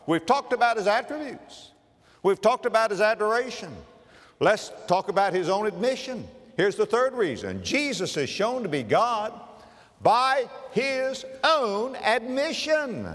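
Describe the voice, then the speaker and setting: A man preaching a sermon, reading scripture aloud and swinging between booming emphasis and hushed words. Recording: long hall reverb.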